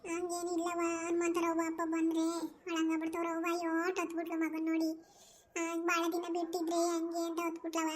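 ಉತ್ತರ ಕರ್ನಾಟಕ ಶೈಲಿಯ ಅಳುಮುಂಜಿ ಅಜ್ಜಿ, ಮಹಿಳೆಯ ಅಭಿನಯ, ಗೊಣಗುವ ಧಾಟಿ, ಎತ್ತರದ ಧ್ವನಿ. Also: female voice, very high-pitched, monotone, fairly quick. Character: weepy old grandmother hooked on TV.

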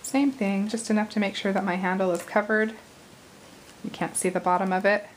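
A woman in her thirties hosting a casual crafting tutorial, chatty and a little hoarse, with apologetic asides while she works at arm's length from the camera. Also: mid-range voice, fairly even intonation, brisk, slight background noise, rough recording. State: slightly hoarse, losing her voice. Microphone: camera at arm's length over the craft table.

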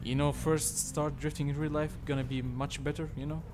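A young man from Tunisia, not a native English speaker, hosting a sim-racing livestream, reading chat and answering in halting, filler-heavy talk. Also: a little high, flat delivery, noisy background. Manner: halting, filler-heavy, reads chat aloud and thanks subscribers. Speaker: livestream host. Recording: loud game music behind voice.

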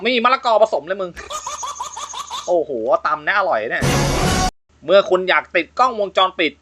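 Lively joking man with music behind. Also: sits high, moderate pace, lo-fi sound. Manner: crude joking banter, laughing often. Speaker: comedy channel host. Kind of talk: casual comedic commentary.

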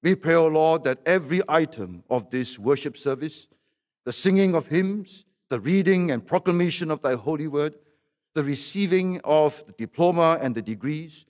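A man's fairly high voice carries through a pulpit microphone as he leads a solemn prayer. He speaks in measured, formal phrases with old-style wording. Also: lively intonation, darkish tone. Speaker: minister leading prayer.

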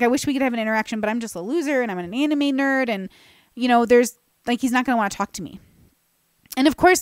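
A woman's voice: on the high side, dry recording. Chatty young woman, close dry studio mic. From California. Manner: chatty, self-deprecating, many restarts and fillers. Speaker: podcast host. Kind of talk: casual storytelling monologue. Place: bright room with plants. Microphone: boom-mounted studio mic close to mouth.

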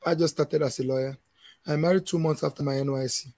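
A man's voice: fairly high pitch, fairly even intonation, quick pace, warm tone, no room sound. A man in his thirties with a Nigerian English accent, answering questions as a conference speaker in an emphatic, preachy way, often laughing.

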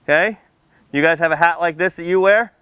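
A firefighter, a man with a fairly high, brisk and somewhat bright voice, gives a simple, interactive safety talk to kids seated under a tent canopy beside a building. He keeps his language playful, teases a little, and asks lots of questions, checking in with "okay" and "right." The recording is clean, with no room sound.

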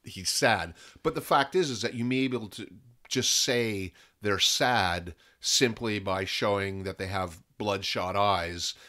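Here a man from Canada, a film and content producer, speaks at a fairly low pitch and a measured pace as a podcast guest. It's casual interview talk, lively in manner, with frequent sentence restarts and piled-up examples.

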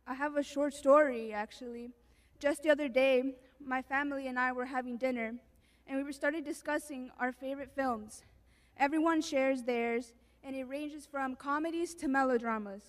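A woman's voice: high-pitched, steady tone, moderate pace. A teenage girl delivering an earnest, heartfelt speech as a graduating student speaker. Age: teens.

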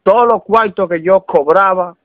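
A man with a Dominican accent telling a comic story casually, halting and repeating words as he goes. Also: high-pitched, dry recording, phone-quality sound. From Dominican Republic.

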